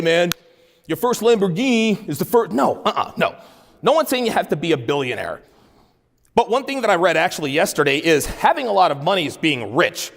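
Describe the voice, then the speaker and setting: A man's voice: high voice, vocal fry. A man in his forties giving a blunt, profane motivational keynote speech to a live conference audience, hammering points with repeated phrases. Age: 40s. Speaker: keynote speaker. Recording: speech in a large reverberant hall.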